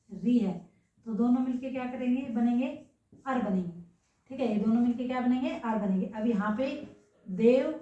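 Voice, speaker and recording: A woman's voice: on the high side, warm tone. Echoey teacher woman quizzing her class. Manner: asks questions and answers them herself, repeating "ठीक है". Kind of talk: classroom grammar lesson. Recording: echoey room, mic far away.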